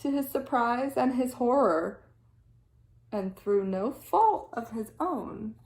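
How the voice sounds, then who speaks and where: Reading to children from a storybook, a woman with a high voice performs with animation, deliberate phrasing and dramatic sound-effect words. She is a teacher, and the recording carries an echoey room sound.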